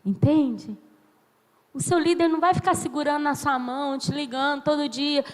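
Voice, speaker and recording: Woman pastor, 30s, high voice, slow emphatic preaching, long church-hall echo. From Brazil. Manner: slow emphatic preaching, acts out quoted dialogue. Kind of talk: sermon. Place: church sanctuary.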